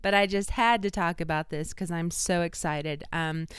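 An enthusiastic woman with a fairly low, smooth voice and a slight cold gives a casual astrology talk. She is chatty and informal, and the sound is dry and close, with very little room. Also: steady tone, moderate pace, no echo. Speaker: astrologer giving a forecast.

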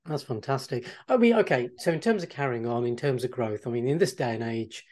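An interviewer asking follow-up questions in a relaxed, encouraging way. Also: mid-range voice, fairly quick. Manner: encouraging, frequent backchannels.

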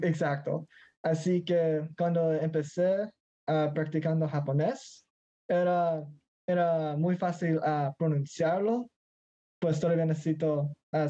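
With the highs cut off, a fairly high-pitched, dark-toned male voice is heard: a teenage guest from Mexico who grew up speaking Spanish. In casual conversation he's hesitant and searches for words, dropping into English from time to time.

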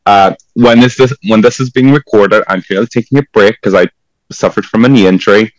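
A lively man with a Portuguese accent, talking in a fairly low voice in casual podcast chat. He swings into squealed exclamations and laughter often. The sound is dry and close. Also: a little fast, no room sound, low-quality recording. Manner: animated, bursting into laughs and high exclaims. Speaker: podcast guest, drag performer.

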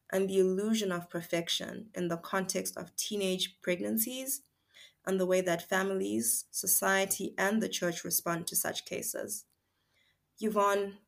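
A woman with a Zimbabwean accent co-hosting a podcast, speaking in a thoughtful, measured way. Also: lowish voice, vocal fry. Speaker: podcast co-host. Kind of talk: casual discussion.

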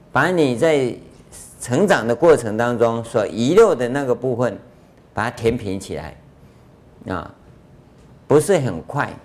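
An older man gives a Buddhist dharma lecture in a conversational way, full of rhetorical questions and drawn-out filler sounds. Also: medium pitch, a little mellow. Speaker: Buddhist master giving a lecture.

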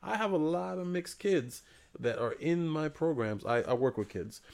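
Blunt, joking man with a gravelly voice. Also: on the high side, lively intonation, normal speed, a little mellow. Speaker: podcast co-host. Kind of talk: casual opinionated chat.

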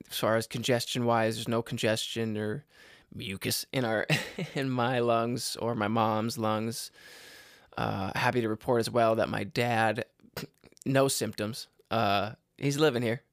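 Tired, gravelly-voiced male podcast host. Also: no echo, studio quality. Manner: low-energy, rambling with many fillers and restarts. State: tired and unwell. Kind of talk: casual solo podcast update.

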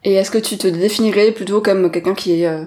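A woman hosting a podcast interview, chatty and quick to laugh, with many fillers. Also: medium pitch, fairly even intonation, mellow, breathy edge. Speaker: podcast host.

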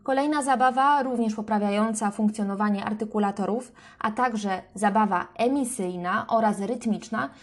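A woman speech therapist talks parents through simple language games in a calm, clear way. She pauses with brief fillers as she explains each step. Her voice sits at a medium pitch. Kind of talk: instructional talk to parents.

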